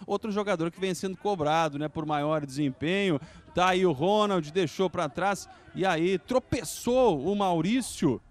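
Brazilian guy calling a soccer game, super high voice, excited, stretches out his shouted calls. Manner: exclamatory, with drawn-out shouted calls. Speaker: football play-by-play commentator. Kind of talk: excited live match commentary.

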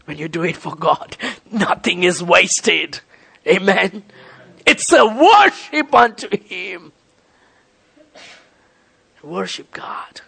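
A man preaching an impassioned sermon, often shouting. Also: sits high, animated, takes it slowly, creaky, slightly rough.

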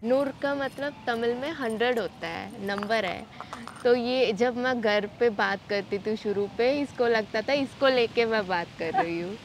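A woman's voice: on the high side, measured pace, a little hiss or hum. A young woman from Tamil Nadu, a student, chatting in an interview and explaining things with quoted dialogue. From Tamil Nadu, India. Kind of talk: casual interview.

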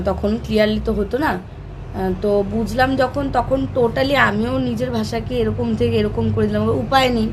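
A woman's voice: a little high, a little hiss or hum. A young woman from Bengal vlogging in a casual, rambling way with many fillers and restarts. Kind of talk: casual chat to camera.

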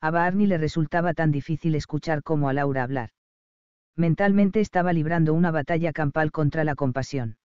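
A man reading a novel aloud as an audiobook narrator, in an even, measured way. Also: a little high, clean tone, no echo, highs cut off.

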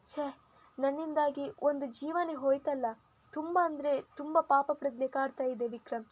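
A woman's voice: sits high, fairly even intonation, normal speed, highs cut off, natural voice. A woman voicing a distressed young wife who speaks in a shaky, tearful voice. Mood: guilty, tearful.

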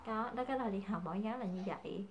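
A woman's voice: medium pitch, fast talker, a little hiss or hum. A young woman, chatting casually to her viewers as a mother, hesitant and full of fillers. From Vietnam. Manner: hesitant, many fillers, calls viewers family. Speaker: vlogger, mother.

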